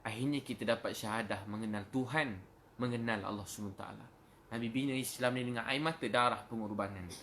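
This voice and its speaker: A man's voice: medium pitch, fast, fairly bright tone, slight background noise. A middle-aged man preaching an emotional sermon in a Malaysian Malay accent, pleading and breaking into prayers.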